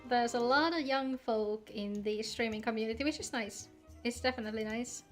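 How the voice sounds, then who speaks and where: With music in the background, a woman casually chats on her live game stream and reads game dialogue aloud. Her voice is a little high, with fairly even intonation and a moderate pace.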